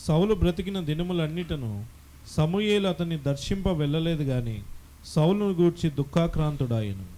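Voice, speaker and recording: A man reads out scripture verses for the congregation. His voice sits a little high, and his delivery is steady and formal. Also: normal speed. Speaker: scripture reader. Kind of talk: reading Bible verses aloud.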